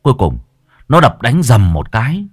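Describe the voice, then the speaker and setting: A man narrating a dark story in a vivid, emphatic storytelling style. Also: mid-range voice, huge pitch swings, normal speed, no echo, studio quality. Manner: vivid, emphatic, rising with the action. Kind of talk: dramatic horror-story narration.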